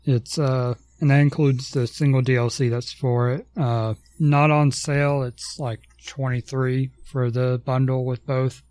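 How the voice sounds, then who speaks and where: Low-key man with a mellow voice. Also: level tone, a little slow, few pauses, no room sound. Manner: low-key, hesitant with many ums. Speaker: podcast co-host. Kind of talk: casual chat.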